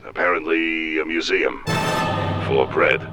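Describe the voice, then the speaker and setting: An actor playing a casual, wry male coordinator of a cartoon superhero team, breezy with deadpan asides. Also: very deep voice, measured pace, dull audio, over music. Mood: breezy briefing. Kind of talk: animated comedy voice acting.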